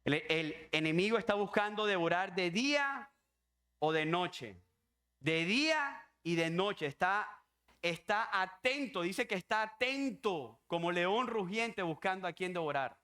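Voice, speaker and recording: A man's voice: high-pitched, lively intonation, a little slow, sharp tone, smooth. A man preaching a sermon as pastor, emphatic and repetitive, driving home his points with rhetorical questions.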